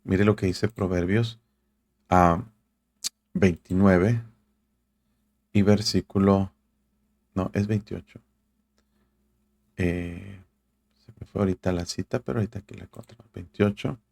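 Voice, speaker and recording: A male pastor preaching earnestly in a low, gravelly voice. He calls his listeners brother and reads scripture aloud between his points. The sound is dry and close. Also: fairly even intonation, measured pace, long pauses, darkish tone, no room sound. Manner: reads scripture aloud, searches for verses mid-talk. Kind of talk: sermon.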